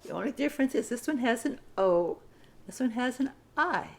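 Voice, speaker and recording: A woman's voice: a little high, lively intonation, normal speed, gravelly, a little mellow. A woman teaching a citizenship writing lesson, patiently dictating sentences and spelling words out letter by letter.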